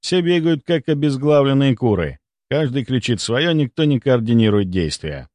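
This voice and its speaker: A man's voice: mid-range voice, sing-song, normal speed, a little mellow, no echo. A man narrating a first-person audiobook in a dry, sardonic manner.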